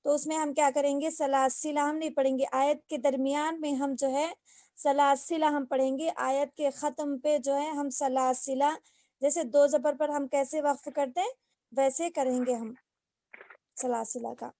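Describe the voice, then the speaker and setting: High-voiced woman teaching a recitation class. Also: steady tone, a little slow, warm tone, no room sound, studio quality. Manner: patient, explains step by step with repeated questions. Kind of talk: online class lesson. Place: online class.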